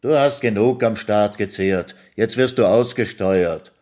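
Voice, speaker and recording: A man reading a ballad aloud and voicing a greedy, domineering master who scolds his hungry servant in shrill outbursts. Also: measured pace, a little mellow, close to an everyday voice. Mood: furious. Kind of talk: dramatic poem reading.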